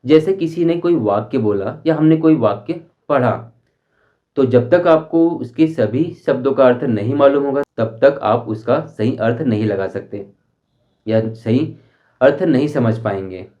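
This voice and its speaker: A man teaching a spoken English lesson, explaining slowly and deliberately and repeating his examples. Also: mid-range voice, animated, warm tone, lo-fi sound. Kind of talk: Hindi-language English lesson.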